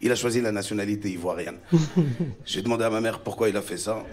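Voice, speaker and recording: A man from Ivory Coast doing stand-up comedy, telling animated stories with punchlines to a live audience. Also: lowish voice, fast talker, crowd noise. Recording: live show with loud audience.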